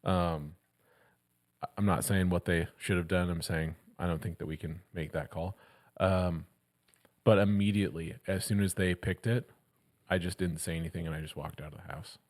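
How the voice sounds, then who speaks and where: A man co-hosting a podcast, speaking in a measured way and asking clarifying questions in casual chat. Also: low voice, steady tone. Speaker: podcast co-host.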